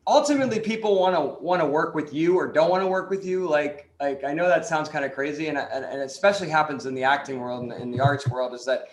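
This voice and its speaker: A man's voice: fairly high pitch, quick pace, few pauses, reverberant. A man joining an online class, rambling and repeating words, with lots of "like" fillers. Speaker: class participant.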